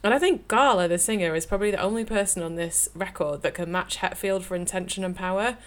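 A woman's voice: fairly low pitch, quick pace. A woman with a Northern English accent co-hosting a music podcast, gushing eagerly about a song she loves. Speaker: podcast co-host. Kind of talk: casual music review chat.

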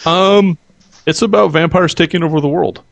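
A man's voice: fairly high pitch, normal speed, gravelly, dry recording. Dry-sounding man chatting as an interview guest. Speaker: podcast guest, writer. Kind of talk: casual interview chat.

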